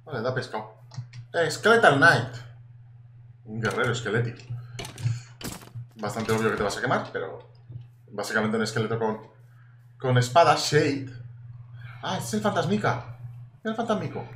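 A young man with a Spain Spanish accent giving casual, excitable gameplay commentary, swearing now and then and chatting to his viewers. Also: medium pitch, normal speed, long pauses. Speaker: gaming YouTuber. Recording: echoey room with faint noise.

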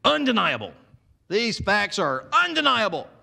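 A man preaching an animated sermon as pastor, swinging from loud to quiet and acting out crowd voices. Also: sits high, unhurried, creaky.

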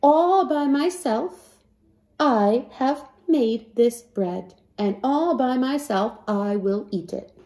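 A hardworking little hen, firm and fed up, scolding her idle friends in a storybook reading, as a woman puts her on. The voice is slow, soft and mellow, set a little high, and rings in an echoey room. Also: lively intonation, heavily acted. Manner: scolding, repeating questions with emphasis.

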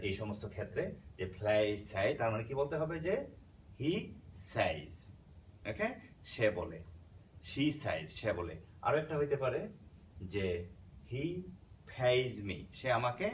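A man teaching an English grammar lesson, explaining patiently and checking in with "okay?" as he mixes English words into his talk. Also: mid-range voice. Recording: slightly distant mic with faint background noise.

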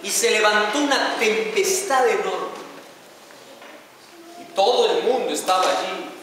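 Lively-voiced preacher man in echoing church. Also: high-pitched, noisy background. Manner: asks the congregation rhetorical questions; slow, drawn-out emphasis on key phrases. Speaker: pastor. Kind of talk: sermon. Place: large church sanctuary. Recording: very echoey church hall, distant mic.

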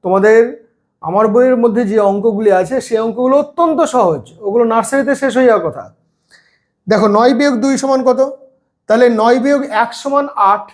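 A man's voice: very high-pitched, fast talker. A man, teaching first-grade maths in a casual video lesson, patient and step by step with everyday examples. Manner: clears throat now and then.

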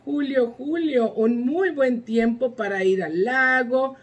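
A woman leads a bilingual class for little children, drawing out each word slowly and clearly. Her voice sits a little high, with a sing-song lilt and lively exclamations. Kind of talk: bilingual lesson for young children.

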